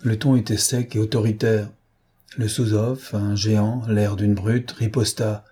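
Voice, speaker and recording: A man reading a novel aloud as an audiobook narrator, in a slow and measured way. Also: on the low side, flat delivery, mellow, breathy edge. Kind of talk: scripted narration.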